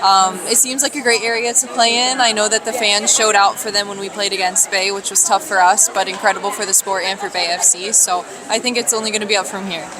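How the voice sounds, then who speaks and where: A woman's voice: mid-range voice, fairly even intonation, quick pace, hardly any pauses. A young woman who plays pro soccer, giving earnest, run-on answers at an outdoor media day. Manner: earnest, runs sentences together. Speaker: professional soccer player. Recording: crowd chatter behind.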